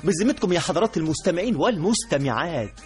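A man's voice: on the high side, animated, fast talker, soft background music. A man with an Egyptian accent giving a chatty, mock-aggrieved comic radio monologue, speaking straight to the listeners. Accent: Egyptian Arabic. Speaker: radio comedy presenter.

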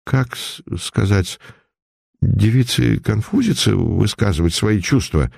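A man's voice: lowish voice, lively intonation, takes it slowly, vocal fry, a little mellow, husky, no echo, studio quality, full character voice. A man voicing a comical, fussy young merchant's son who stammers.

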